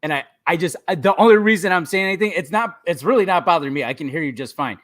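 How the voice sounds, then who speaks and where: A man's voice: on the high side, expressive, fast, fairly bright tone, no echo, studio quality. A man co-hosting a casual podcast over a remote call, joking and laughing often, with some swearing. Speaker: podcast co-host.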